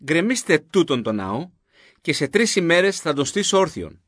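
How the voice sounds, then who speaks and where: A man's voice: on the high side, sing-song, a bit bright, dry recording. Male reader voicing a solemn, authoritative teacher, dry close read. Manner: measured, solemn reading of spoken lines. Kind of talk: scripted Bible reading.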